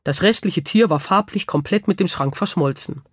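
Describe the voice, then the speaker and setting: A woman narrating a children's audiobook with lively, expressive storytelling. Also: lowish voice, normal speed, husky, dry recording, clean studio sound.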